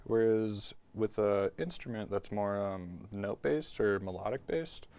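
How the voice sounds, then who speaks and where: Laid-back, low-voiced man demoing studio gear. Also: a little slow, clean tone. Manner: relaxed, filler-heavy explaining with frequent "like" and "um". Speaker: music production instructor. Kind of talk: casual tutorial walkthrough. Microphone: talkback mic in a studio.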